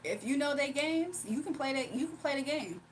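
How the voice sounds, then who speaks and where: Laughing frequently, a young streamer talks casually with her audience and reads out messages from chat. She sounds high-pitched and animated at a moderate pace, with a little hiss or hum in the recording.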